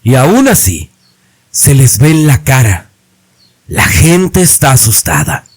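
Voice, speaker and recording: A man's voice: medium pitch, very animated, slow pace, husky, full character voice. A man voicing a grave, weary village priest.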